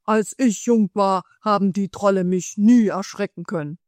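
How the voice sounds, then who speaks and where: A woman's voice: mid-range voice, moderate pace, a little mellow, dry recording, studio quality, lightly acted. A woman voicing a grumpy old farmer scolding his sons in a storybook.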